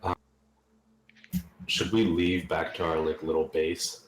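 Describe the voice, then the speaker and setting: A man's voice: low voice, little pitch movement, takes it slowly. A man chatting casually as a player in a tabletop game, recorded with a roomy echo. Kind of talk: casual chat.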